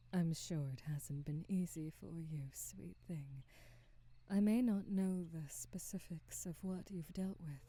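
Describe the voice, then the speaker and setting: This ASMR roleplay features a woman as a benevolent witch shopkeeper many centuries old, speaking in a fairly low, breathy half-whisper. Motherly and wise, she soothes with measured, formal wording in a tender, reassuring mood, recorded dry.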